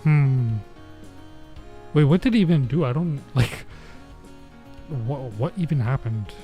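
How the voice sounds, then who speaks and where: Speaking a little slowly, a man with a dark-toned, mid-range voice reads a visual novel aloud in an animated way. It's a let's play with casual, bemused reactions, and game music runs under his voice.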